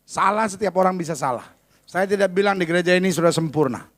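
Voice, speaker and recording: A man's voice: high voice, fast talker. A male pastor preaching a sermon in a conversational, humorous, emphatic way.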